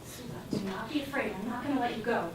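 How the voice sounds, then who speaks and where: A woman's voice: a little high, racing, lightly acted. A woman playing an earnest, compassionate young visitor. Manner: earnest, emotional. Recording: echoey room from far off with noise.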